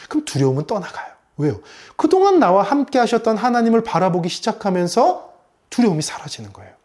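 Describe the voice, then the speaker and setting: A man preaching a morning sermon from the pulpit, his pitch rising and falling in a lively way. He keeps asking the congregation rhetorical questions and briefly acts out the voices of complaining people in his story. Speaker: pastor.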